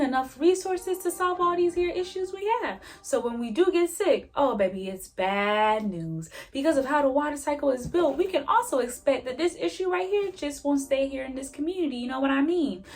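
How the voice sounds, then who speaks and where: Woman doing a high-voiced folksy farmer man with a drawl, y'all and yonder. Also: a little mellow. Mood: worried. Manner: folksy drawl, calls people honey and baby. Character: folksy rural southern male farmer.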